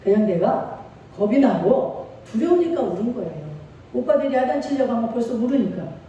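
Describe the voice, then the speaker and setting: A woman's voice: a little high, sing-song, moderate pace, dark tone, a little hiss or hum. A middle-aged woman pastor preaching a sermon with feeling and call-and-response. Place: church sanctuary. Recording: echoey church hall from far off.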